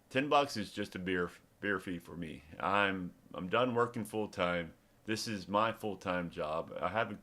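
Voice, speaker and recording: A middle-aged Texan man, a developer and small business owner, speaks casually with a lowish, fairly bright voice. His live demo rambles, full of restarts and fillers.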